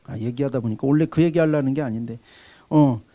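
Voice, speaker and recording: A middle-aged man preaching a sermon as pastor, swinging between loud exhortation and quiet asides. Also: medium pitch, brisk, dry recording.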